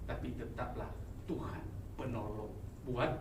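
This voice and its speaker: A woman preaches emphatically, rising to loud exhortation and dropping to quiet asides. Her voice comes from a distance and echoes heavily around a church hall. Faint noise sits underneath. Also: very deep voice, measured pace. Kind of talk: sermon.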